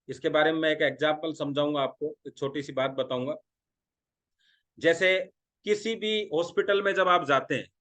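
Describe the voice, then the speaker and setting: A man from India with a fairly high voice gives a sales training talk. He keeps putting questions to his listeners and acts out little exchanges between a seller and a buyer. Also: fairly bright tone. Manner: talks through role-played dialogues, asking the audience questions. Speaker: direct selling trainer.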